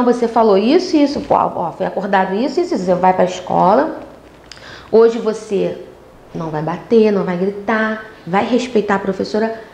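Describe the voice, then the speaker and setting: A woman's voice: fairly high pitch, darkish tone, echoey room. A woman teaching an online class to parents, emphatic and repeating "ok?" as she acts out how a parent talks to a child.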